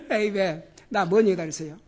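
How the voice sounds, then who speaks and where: A middle-aged pastor preaches a sermon, animated and laughing, swinging from loud exclamations to quiet emphasis. His voice sits high and sounds slightly rough.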